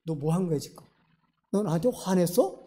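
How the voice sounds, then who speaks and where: A man's voice: high voice, expressive, normal speed, dark tone, voice pushed down. A man voicing an angry father who turns cold and threatening toward his cheeky son. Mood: cold anger.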